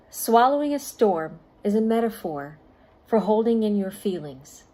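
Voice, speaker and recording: Speaking straight to a group of children, a female storytime volunteer reads aloud in a warm voice of medium pitch. She chooses her words with care and talks deliberately, leaving brief pauses.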